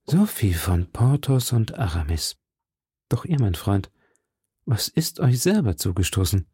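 A man's voice: fairly low pitch, a little slow, slightly rough, no room sound, studio quality, exaggerated voice. A man doing a brooding, cynical musketeer. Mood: coaxing. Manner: calm, world-weary. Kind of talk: audiobook character voice.

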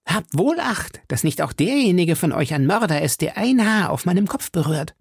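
A man reading aloud and voicing a desperate, vengeful condemned noblewoman in a shrill, pleading tone. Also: sing-song, moderate pace, vocal fry, slightly rough, dry recording, studio quality, full character voice.

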